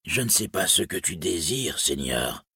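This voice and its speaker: A man's voice: deep voice, very animated, measured pace, vocal fry, pushed and bright, breathy edge, no echo, clean studio sound, exaggerated voice. A man voicing an old, poor male dwarf who pleads for his life and speaks of himself by name. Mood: pleading.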